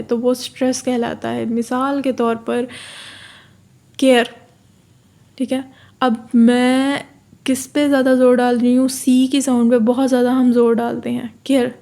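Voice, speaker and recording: A woman from Pakistan, tutoring for an exam, explaining slowly, repeating key terms and reading English definitions aloud. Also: on the high side, mellow. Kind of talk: exam-prep lecture.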